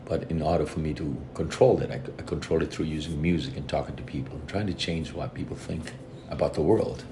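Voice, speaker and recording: A man's voice: extremely low pitch, fairly quick, background noise. A man from Fiji, a reggae band's lead singer talking earnestly and reflectively as an interview guest. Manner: earnest, reflective, steady storytelling. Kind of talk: casual interview conversation.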